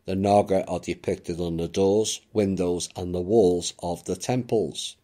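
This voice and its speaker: A man with a deep, low voice talks through a reflective monologue at a very slow, deliberate pace. His tone is mellow and dark, and he drops in occasional offhand asides. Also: steady tone. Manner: measured, unhurried, with occasional asides. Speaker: esoteric channel narrator.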